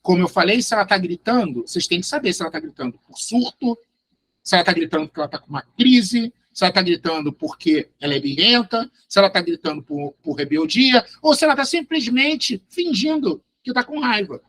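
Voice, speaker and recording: Man, Brazilian Portuguese accent, psychologist, online lecture, emphatic, high-pitched voice. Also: expressive, a little fast, fairly bright tone, slight background noise. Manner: emphatic, addresses listeners directly, tags sentences with a questioning "right?". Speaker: psychologist teaching a class.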